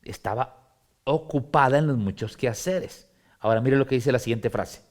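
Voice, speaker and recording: A man, a pastor leading a Bible study, expressive and given to emphatic repetition. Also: medium pitch, moderate pace. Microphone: streamed broadcast.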